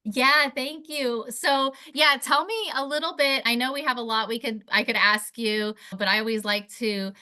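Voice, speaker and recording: A woman's voice: on the high side, steady tone, moderate pace, few pauses, bright, forceful tone. A woman hosting an interview show, introducing her guest and asking questions in an effusive, chatty way. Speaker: host.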